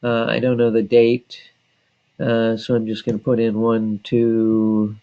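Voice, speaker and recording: A man walks trainees through a software screen at an unhurried, measured pace. He pauses often with fillers as he clicks through each step. The sound is dull and lo-fi, like a recorded webinar. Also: fairly low pitch, monotone. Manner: slow and deliberate, many filler pauses. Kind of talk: screen-share software tutorial.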